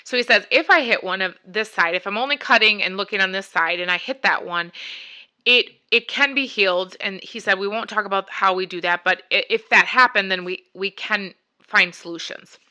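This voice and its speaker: Speaking at a normal speed with a mid-range, sharp-toned voice, a woman vlogger recounts her health journey in a loose, chatty way. She switches between parts as she plays out both sides of each conversation.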